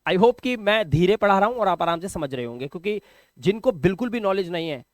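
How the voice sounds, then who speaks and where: A man's voice: sits high, lively intonation, fairly quick, no echo, clean studio sound. A man teaching English pronunciation in a patient classroom style, often asking a question and answering it himself.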